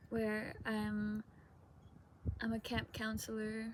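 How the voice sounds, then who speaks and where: A young adult woman vlogging in casual, unscripted confessional chat, hesitant, trailing off and pausing between phrases. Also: on the high side, completely flat delivery, slight background noise. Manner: hesitant, trailing sentences with long pauses.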